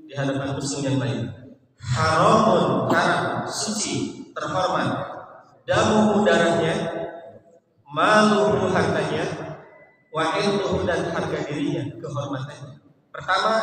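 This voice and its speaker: Preacher in a booming hall. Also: male voice. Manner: lively storytelling, mimics voices, chants Arabic phrases. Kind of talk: mosque sermon. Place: mosque hall. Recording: echoey hall from far off.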